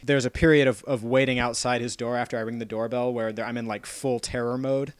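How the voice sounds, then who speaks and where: A man's voice: mid-range voice, flat delivery, brisk, smooth, no room sound. A man in casual comedic chat, telling a long rambling story and laughing often.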